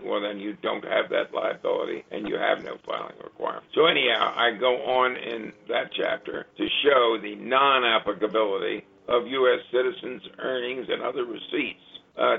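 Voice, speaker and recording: A man explaining his work methodically as a radio interview guest, in a legalistic way, stressing certain words. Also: mid-range voice. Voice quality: gravelly, husky. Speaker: guest author. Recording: tinny narrow phone-like line.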